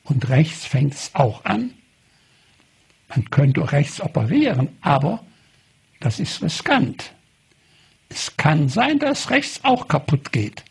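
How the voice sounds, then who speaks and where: A man's voice: fairly high pitch, big pitch swings, slow pace, gravelly, long pauses, slightly rough, exaggerated voice. An older man voicing a curt, commanding Japanese woman eye doctor in a spoken anecdote. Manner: brusque, commanding.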